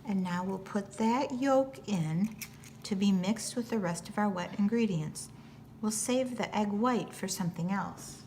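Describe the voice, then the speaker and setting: With a medium-pitched, slightly mellow voice and a somewhat slow pace, an American cooking teacher explains a recipe step by step in simple terms, patiently. Background noise is clearly audible in the recording.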